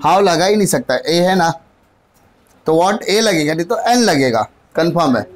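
A man's voice: fairly high pitch, expressive. A male grammar teacher with an Indian accent, explaining English in a mix of Hindi and English. He is chatty and playful, calls students "my dear," and asks his own questions before he answers them. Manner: spells out letters and words slowly, one at a time.

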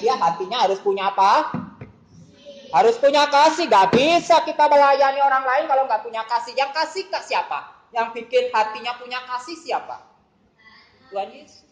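A woman preaching at a school worship service, often asking her listeners questions. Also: mid-range voice. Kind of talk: sermon to students. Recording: echoey room.

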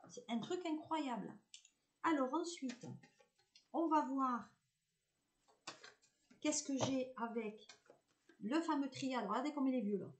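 Woman medium, southern French accent, fairly high voice; chats and reassures viewers through a live card reading, halting often. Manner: chatty and reassuring, hesitant with many fillers. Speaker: medium giving a tarot reading.

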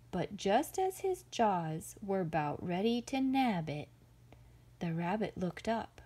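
A woman reading a rhyming children's picture book aloud as storyteller, with a slow, rhythmic delivery. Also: mid-range voice, mellow, husky.

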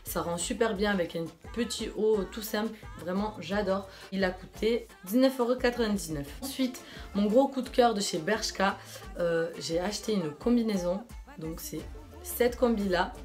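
A woman's voice: mid-range voice, moderate pace, a little mellow. Young woman, fashion vlogger, casual haul chat, enthusiastic, filler-heavy, faint background music. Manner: chatty, enthusiastic, many fillers.

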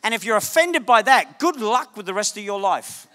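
A man preaching a lively sermon, his voice high and bright as he jokes with the congregation and shouts key points. The sound carries the long reverb of a church sanctuary. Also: normal speed. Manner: animated, jokey, shouts for emphasis. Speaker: guest preacher.

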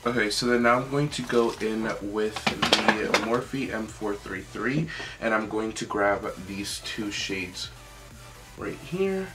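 With music in the background, a young adult man walks through a makeup tutorial in an informal, chatty way, leaning on "like" a lot. He speaks unhurriedly in a fairly low voice with fairly even intonation.

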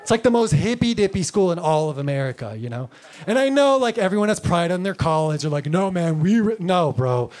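A man's voice: high voice, very animated, fairly quick, darkish tone, slight background noise. A man in his thirties doing a live stand-up routine, loose and rambling, full of filler words. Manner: loose, rambling delivery full of "like" and "you know". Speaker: stand-up comedian. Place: comedy club. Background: audience laughter.

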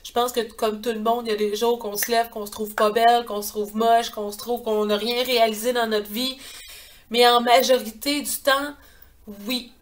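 A woman in her thirties with a Quebec French accent, chatting earnestly to a webcam in a small hallway, with many hesitations. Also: fairly high pitch. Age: 30s. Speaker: vlogger. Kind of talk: casual chat to camera. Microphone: webcam at close range.

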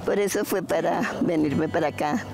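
A woman's voice: lowish voice, moderate pace, creaky, noisy background. A woman, chatting frankly in an outdoor street interview, often restarting her sentences. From Colombia. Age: 90s. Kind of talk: casual chat.

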